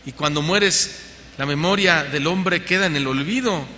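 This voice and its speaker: Mexican male pastor, high and very bright, preaching in a reverberant hall with faint noise. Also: moderate pace. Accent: Mexican Spanish. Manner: preaching, questioning the congregation, mocking voices when quoting. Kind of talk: sermon. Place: church hall.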